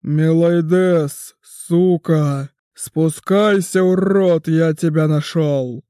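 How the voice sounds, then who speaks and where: A man voicing a burly bass-voiced man who bellows rough threats from below, in an audiobook. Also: fairly even intonation, very slow, dark tone, dry recording, clean studio sound. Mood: furious bellowing. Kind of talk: audiobook character voice.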